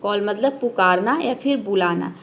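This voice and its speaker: A woman's voice: mid-range voice, normal speed, a little hiss or hum. A woman teaching English pronunciation step by step, asking questions and answering them herself. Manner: explains step by step, asks and answers her own questions. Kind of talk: classroom-style pronunciation lesson.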